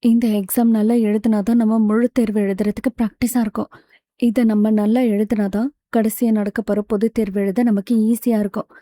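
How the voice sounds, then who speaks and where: A woman with a Tamil Nadu accent reads a novel aloud as an audiobook narrator. Her voice is warm and mellow at a middling pitch, and she slips lightly into each character's dialogue in a conversational tone. The recording is dry and close, with no room sound. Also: no echo. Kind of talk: reading a novel aloud, voicing all characters.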